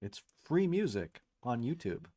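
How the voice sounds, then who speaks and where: A man hosting a casual livestream from his home studio, talking loosely with lots of fillers while a saxophone warms up. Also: mid-range voice, big pitch swings, measured pace. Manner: loose and rambling, many fillers. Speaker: livestream host and musician. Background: saxophone warming up.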